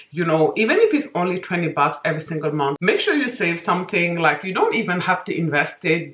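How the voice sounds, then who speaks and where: A woman's voice: low voice, a bit bright. A woman giving casual, emphatic big-sisterly advice in a chatty monologue while applying her makeup, often checking in with "okay?". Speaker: vlogger giving life advice. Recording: roomy indoor echo.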